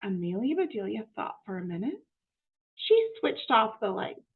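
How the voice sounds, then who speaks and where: Through narrow, tinny audio, a woman reads a storybook to young children, expressive and teacherly, breaking in with explanations and questions for her young audience. She has a husky, medium-pitched voice and reads at a moderate pace.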